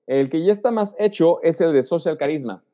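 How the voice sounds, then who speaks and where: A man's voice: a little high, a little fast. A man speaking as an interview guest, giving social advice and acting out example lines. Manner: animated, acts out example lines. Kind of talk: casual interview talk. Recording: dull sound with long reverb.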